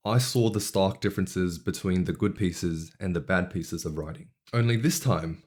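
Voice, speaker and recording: Deep and darkish in tone, a young man's voice carries an earnest, reflective personal monologue for his vlog. He's Australian, English isn't his first language, and he tells his story in a measured way with deliberate pauses.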